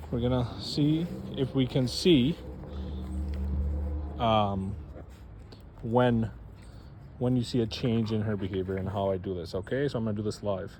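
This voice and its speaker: A man's voice: medium pitch, dark tone, slight background noise. A man, a dog trainer, giving a loose, chatty how-to demonstration and talking straight to his viewers. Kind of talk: casual instructional demo.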